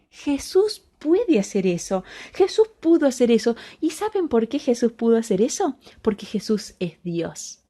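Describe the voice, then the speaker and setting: Animated woman telling a children's Bible story. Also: a little high. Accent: Rioplatense Spanish. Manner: animated, asks the children questions.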